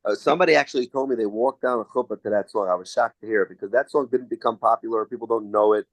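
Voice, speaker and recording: A man's voice: on the low side, fast talker, no room sound, rough recording. A man from the United States, a singer answering interview questions in a chatty, storytelling way with frequent restarts.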